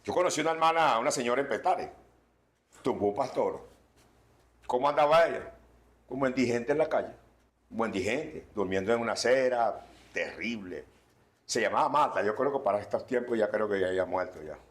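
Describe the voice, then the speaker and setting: Man, pastor, sermon, emphatic warnings, quiet asides. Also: animated, a little fast, pauses often. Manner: emphatic, swings between loud warnings and low asides.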